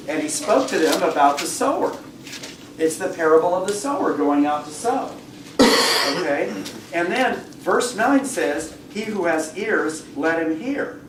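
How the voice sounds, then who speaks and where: Slightly high-voiced, hoarse male Bible teacher, conversational and questioning; distant mic in an echoey church room. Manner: conversational, asks the class questions, clears throat often. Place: church classroom. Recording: echoey room, far mic, faint hiss.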